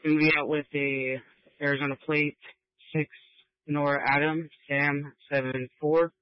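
Man, police officer, over a two-way radio, clipped, matter-of-fact, even tone, dull dry scanner sound. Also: fairly high pitch, unhurried, clean tone, no room sound. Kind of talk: radio call-in with codes and phonetic alphabet.

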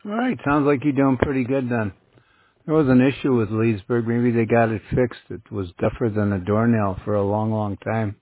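A man's voice: medium pitch, fairly even intonation, normal speed, slightly rough. A man working as an amateur radio operator, chatting casually over a two-way radio. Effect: two-way radio transmission. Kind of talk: casual ham radio chat. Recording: tinny, roomless narrowband radio.

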